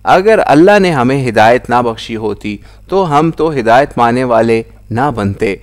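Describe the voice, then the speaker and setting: Male scripture reader, mid-pitched, solemn and measured, voice lifts to raised declamation on the cries. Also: animated. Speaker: Quran translation reader.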